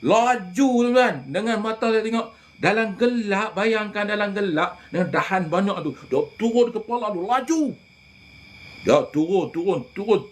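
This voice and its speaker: A man, a religious healer telling animated stories in casual chat, often addressing listeners directly. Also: high-pitched.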